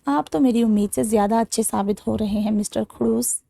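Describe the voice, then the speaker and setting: Young bride put on by a woman, cheeky, insistent, high voice. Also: vocal fry, dark tone, no room sound, studio quality.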